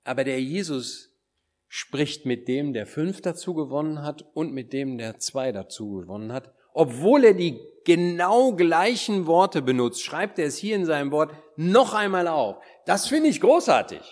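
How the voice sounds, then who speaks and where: Male preacher, fairly high voice, very lively delivery, shifts from emphatic calls to hushed whispers. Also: unhurried. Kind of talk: sermon.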